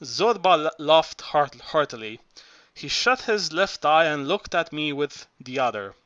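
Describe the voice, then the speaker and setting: A man narrating an audiobook in a halting way, often repeating words. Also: on the high side, expressive, bright, forceful tone, no echo, lo-fi sound. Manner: halting, frequent word repeats. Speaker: audiobook reader.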